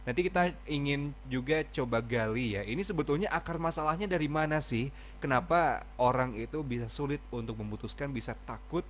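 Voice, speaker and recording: A man's voice: medium pitch, brisk, slight background noise. A man hosting a family psychology radio talk show, moderating with frequent short affirmations.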